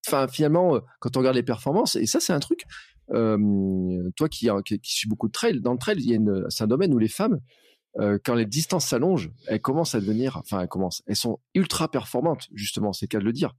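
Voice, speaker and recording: A man chatting on a podcast in a lively, familiar way. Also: mid-range voice, fast talker, dry recording, studio quality. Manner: chatty, lively, many "tu vois". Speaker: podcast host. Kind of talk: casual podcast conversation.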